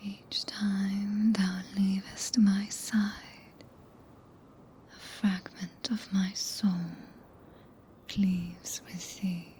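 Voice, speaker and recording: A British woman voicing a tender, possessive, regal witch in a breathy, intimate whisper for an ASMR roleplay, speaking archaic English close to the microphone. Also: medium pitch, little pitch movement, slight background noise. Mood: wistful, longing. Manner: slow, hushed, intimate, solemn. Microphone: close binaural microphone.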